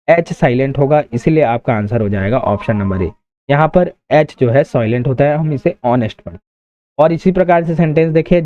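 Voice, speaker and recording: Male grammar teacher, lo-fi. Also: a little high. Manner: explains step by step, asks and answers his own questions. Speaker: English teacher. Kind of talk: exam-prep grammar lesson.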